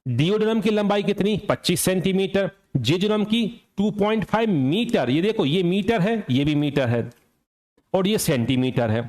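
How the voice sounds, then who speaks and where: A man with a slightly high voice gives an exam coaching lecture. He quizzes his students aloud, answers his own questions, and drills each point by saying it again. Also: expressive, measured pace, a little mellow. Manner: repeats key points for drilling. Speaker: teacher.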